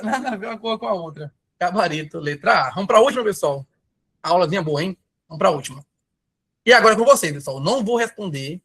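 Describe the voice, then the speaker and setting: High-voiced, chatty teacher. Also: male voice, a bit bright. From Pará, Brazil. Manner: chatty, enthusiastic, storytelling asides. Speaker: math teacher for civil service exams. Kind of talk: live online class.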